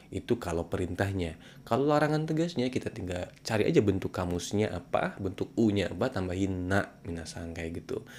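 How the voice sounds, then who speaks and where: A man teaching a casual language lesson, playful, jumping his voice up to act out rough commands and trailing off softly at phrase ends. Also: deep voice, a little hiss or hum.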